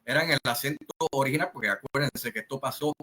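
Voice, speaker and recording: A man with a Puerto Rican Spanish accent telling a family story in a slow, rambling way, full of fillers and restarts. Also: medium pitch, sharp tone, poor audio. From Puerto Rico. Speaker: channel host. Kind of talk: casual storytelling monologue.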